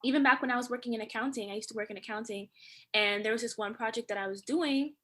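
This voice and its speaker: A woman with a somewhat high voice speaks as a podcast guest. She is emphatic and animated, acting out her inner voice in quick bursts. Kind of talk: casual podcast conversation.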